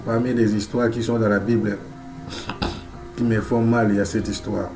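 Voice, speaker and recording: A male preacher with a head cold speaks at a normal pace in a fairly low, level voice and a Central African French accent. His sermon is emphatic and repetitive, full of key phrases said twice and frequent amen and alleluia, over faint background music.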